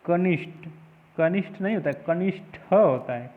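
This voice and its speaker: A man teaching a spelling lesson for exam preparation, repeating each word slowly and drilling the right form. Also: high voice. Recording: tinny phone-like audio.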